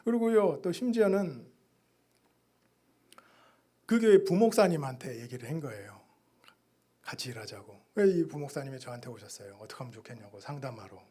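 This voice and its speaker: A man giving a missionary's sermon testimony in a church, telling his story with sudden loud and soft turns. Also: mid-range voice, animated, moderate pace, pauses often, breathy edge. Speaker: missionary preacher.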